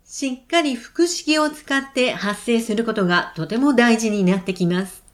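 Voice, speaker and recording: A woman leading vocal exercises, giving calm, clear and encouraging instructions. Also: fairly high pitch, moderate pace. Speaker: voice trainer.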